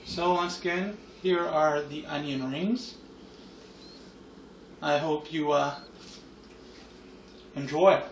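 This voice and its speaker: A man's voice: fairly even intonation, slow pace, long pauses, roomy sound. Stoner man, casual cooking chat, laid-back and rambling, muffled camera audio, sizzling noise behind. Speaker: host of a home cooking show. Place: home kitchen, indoors. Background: sizzling deep fryer.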